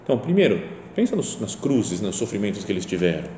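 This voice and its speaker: A man preaches a homily in a relaxed, conversational way, leaning on "né?" and rising in pitch and volume to stress a point. His voice is low and mellow. The sound carries a long reverberant hall tail over a faint low rumble. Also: fast talker. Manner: conversational, rises in pitch and volume for emphasis, often asks "né?". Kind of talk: sermon.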